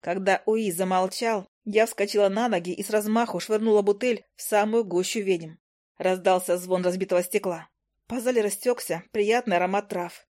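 A woman narrates a first-person fantasy audiobook in a lively, expressive reading. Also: mid-range voice, normal speed.

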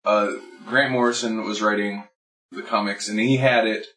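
A man's voice: lowish voice, steady tone, moderate pace, a bit bright, distant mic, soft background music, rough recording. A man co-hosting a podcast, rambling and swearing as he explains comic history at length. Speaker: podcast co-host. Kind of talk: casual drunk chat about comics.

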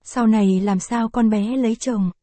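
A woman's voice: a little high, steady tone, moderate pace, warm tone, dry recording, close to an everyday voice. A woman voicing a frightened middle-aged mother in a read-aloud story, begging desperately. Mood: pleading.

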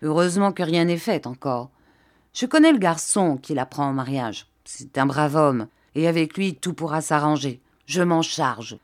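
Lady reading as a village priest, calm and sure of himself, lowish voice. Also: moderate pace. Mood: reassuring.

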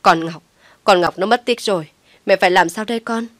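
A woman voicing a desperate, tearful elderly mother who wails and pleads loudly. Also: medium pitch, brisk, no echo, close to an everyday voice. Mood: distraught pleading. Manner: wailing, pleading, loud.

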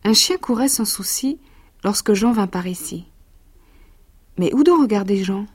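An actress reading rhymed children's stories aloud with lively rhythm, and recalling them more quietly between readings. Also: female voice, mid-range voice, a little slow, breathy edge.

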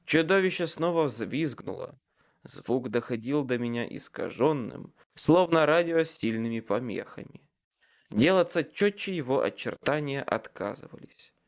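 A man's voice: medium pitch, expressive, moderate pace. A man reading a first-person audiobook with tense, dramatic storytelling. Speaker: audiobook narrator.

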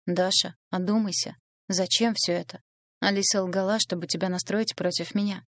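A woman voicing a frightened pregnant young woman who speaks softly and pleadingly, for an audiobook. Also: mid-range voice, fairly even intonation, moderate pace, no echo, clean studio sound, close to an everyday voice. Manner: soft, pleading.

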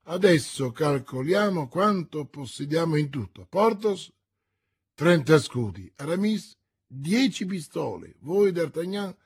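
A man voicing a calm, ironic musketeer who speaks in a low, dry, understated way. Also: slow, husky, heavily acted. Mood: wry.

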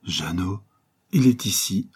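A man reading an audiobook, voicing a young mother who speaks in a hushed, trembling way. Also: sits low, lively intonation, slow pace, breathy edge, heavily acted. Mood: shaken. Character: young mother, shaken and tearful. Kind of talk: audiobook character voice.

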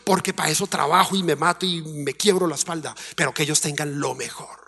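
A man's voice: brisk, creaky, sharp tone, slightly rough. A Colombian man preaching a sermon as pastor, asking the congregation questions and acting out quoted voices. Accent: Colombian Spanish. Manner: acts out quoted voices in a high, fretful tone.

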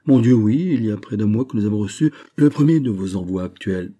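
A man voicing an effusive, flattering middle-aged male bank sub-director in an audiobook reading. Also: lowish voice, fairly quick. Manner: gushing, emphatic, flattering.

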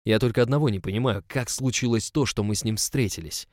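A man voicing a tall Norwegian writer and boss, commanding and full of desire, in a low, measured, intimate reading. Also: darkish tone, no echo, clean studio sound, lightly acted. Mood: brooding. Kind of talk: audiobook character reading.

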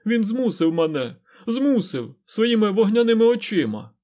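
Audiobook figure: male reader doing a shrill, groveling beggar man. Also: lively intonation, a little fast. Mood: whining. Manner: whining, then shouting and oily-smooth. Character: whining grimy male beggar, wild and shifty.

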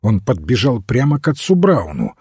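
A man narrating a detective story aloud in an expressive, dramatic manner. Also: medium pitch, moderate pace, breathy edge, no room sound, clean studio sound. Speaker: audiobook narrator. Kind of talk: scripted narration.

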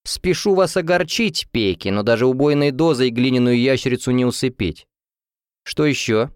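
A man voicing a sarcastic male teacher in an audiobook, with a drawling, unhurried delivery. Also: medium pitch, clear, resonant tone, no room sound, studio quality, pitched above the performer's own voice, close to an everyday voice. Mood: dry sarcasm. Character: sharp-tongued young male teacher.

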